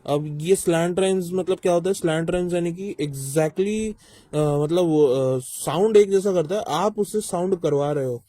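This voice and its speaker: A man's voice: a little high, normal speed, mellow, no echo. A man hosting a reaction video who breaks down rap lyrics in a casual, teacherly way. He thinks aloud with frequent fillers and restarts, drops English terms into his talk, and often checks that listeners follow. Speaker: music reaction video host.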